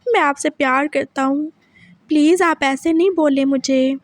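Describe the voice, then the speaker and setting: A torn, tearful young man begs softly not to be left, as a woman voices him. His voice is high and the sound is dry and close. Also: normal speed, dry recording, lightly acted. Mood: pleading, tearful. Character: gentle young male spouse, torn and tearful.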